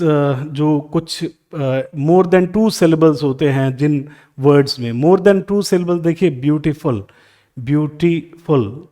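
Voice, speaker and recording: A man's voice: a little high, darkish tone. A man teaching an exam-prep English grammar lesson, explaining step by step and asking rhetorical questions.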